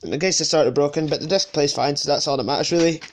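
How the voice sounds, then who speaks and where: Quick-paced and on the high side, a man with a sniffly cold runs through his collection in an offhand, unscripted show-and-tell, hesitating and correcting himself as he talks. There's slight background noise.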